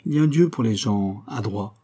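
Pompous, boastful gambler, read by a man; dark and husky. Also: lowish voice, lively intonation, fairly quick. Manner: pompous, sententious.

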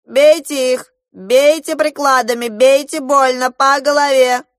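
A woman's voice: high-pitched, steady tone, measured pace, no echo, studio quality, pitched above the performer's own voice. Woman doing a barking furious general. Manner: shouting, barking orders. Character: furious blustering male army general. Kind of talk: audiobook character voice.

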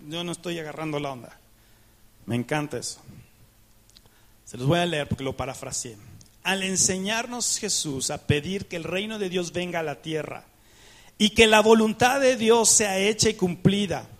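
Male pastor, high-pitched, emphatic, questions the congregation. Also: a bit bright. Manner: acts out dialogues with God in prayer. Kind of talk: sermon.

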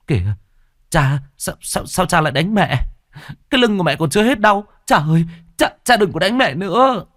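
A man's voice: deep voice, animated, slow, creaky, warm tone, breathy edge, no room sound, clean studio sound, exaggerated voice. A man voicing a timid, trembling teenage peasant son who stammers as he pleads. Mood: pleading.

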